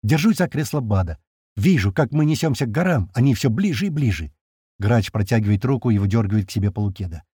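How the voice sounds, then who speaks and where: Husky, lively male audiobook narrator. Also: on the low side, fast talker, no room sound, studio quality. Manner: tense, lively storytelling. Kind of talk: first-person audiobook narration.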